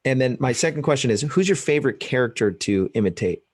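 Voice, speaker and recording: A man's voice: medium pitch, lively intonation, quick pace, dry recording, studio quality. A man hosting a casual podcast, rambling and hesitant as he talks. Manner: rambling, hesitant, lots of fillers. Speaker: podcast host.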